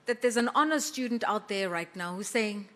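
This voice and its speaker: A woman emceeing an awards ceremony, introducing guests with emphatic, drawn-out phrasing. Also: medium pitch, animated, sharp tone. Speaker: master of ceremonies. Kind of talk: formal event hosting.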